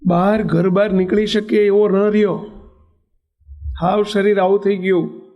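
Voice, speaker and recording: A man's voice: high-pitched, level tone, a little slow, dull audio. A man, a monk, telling a devotional story in a sermon, emphatic and repeating key phrases, urging his listeners directly.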